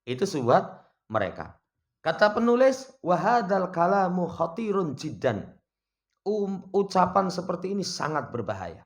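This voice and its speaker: A man teaching a religious lesson, reading Arabic text aloud and explaining it in with a slight touch, his pitch and volume swinging widely. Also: big pitch swings, unhurried.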